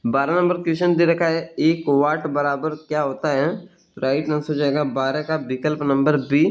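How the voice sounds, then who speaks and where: Brisk man reading exam answers, lo-fi. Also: fairly high pitch, flat delivery. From Bihar, India. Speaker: exam tutor. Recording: dull lo-fi sound.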